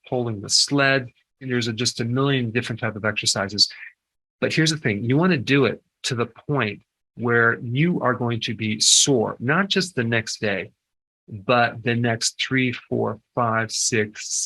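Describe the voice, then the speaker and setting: In a rough recording, an older health educator from the United States speaks conversationally, giving advice and regularly punctuating his points with "okay?". His voice is medium in pitch, pushed and bright.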